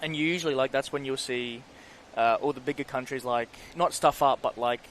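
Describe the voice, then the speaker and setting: A man's voice: medium pitch, fairly even intonation, normal speed, fairly bright tone, slight background noise. A young man co-commentating on diving in an easygoing, upbeat way. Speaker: diver, co-commentator. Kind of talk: live sports commentary. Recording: music behind commentary.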